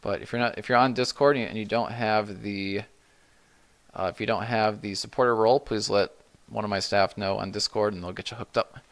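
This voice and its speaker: A middle-aged man talks through viewer questions on his live stream, unhurried and loose. His voice sits a little low, and he often trails off and restarts his sentences. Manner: relaxed, rambling, frequent restarts and "you know". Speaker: livestream host answering chat questions.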